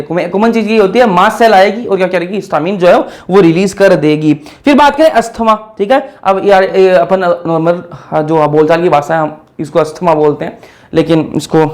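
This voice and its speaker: A man's voice: sits high, creaky, a little mellow. A young man teaching an exam-prep biology lecture, casual and chatty, asking questions and answering them himself. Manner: call-and-response questioning, repeating answers.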